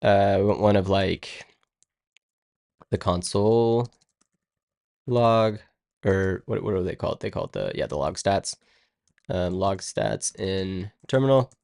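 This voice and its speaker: A man's voice: low-pitched, lively intonation, measured pace, creaky, long pauses, a little mellow, no room sound. A man live-streaming his coding work, thinking aloud in a rambling, casual way and muttering to himself as he goes. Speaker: live-streaming web developer.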